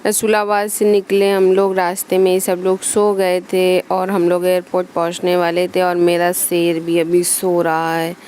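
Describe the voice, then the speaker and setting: A woman's voice: on the low side, monotone, measured pace, few pauses, a little mellow, slight background noise. A young woman narrating a family trip in a casual vlog voice-over, telling it fondly. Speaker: family vlogger.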